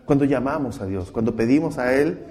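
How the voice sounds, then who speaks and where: Spanish-speaking pastor preaching with wide swings. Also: male voice, medium pitch, expressive, fairly quick, soft background music. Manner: preaching, swinging between loud cries and hushed asides; acts out quoted voices within the sermon. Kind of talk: sermon.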